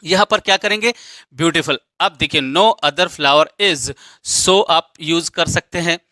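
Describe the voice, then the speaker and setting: A man's voice: a little high, a little slow, pushed and bright, no echo. A man teaching an English grammar lesson, explaining step by step and posing questions that he answers himself.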